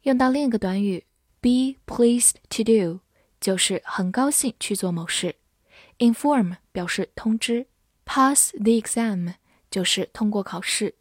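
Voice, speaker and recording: A young woman teaching English vocabulary, spelling out words letter by letter and reading example sentences slowly. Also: mid-range voice, dry recording, studio quality. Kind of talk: vocabulary lesson.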